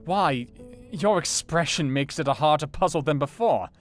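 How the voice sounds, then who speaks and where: An actor playing a melancholy, earnest gentleman doctor, narrating his diary in a measured, formal way for an audio drama. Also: a little high, animated, lightly acted. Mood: puzzled, indignant. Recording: plucked guitar music behind the voice.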